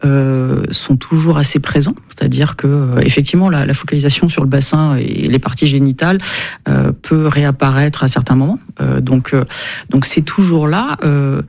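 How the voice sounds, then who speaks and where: A woman's voice: rumbling low, fairly even intonation, moderate pace, vocal fry, a little mellow. A woman speaking as an expert guest in a radio interview, thoughtful and hesitant, with many fillers.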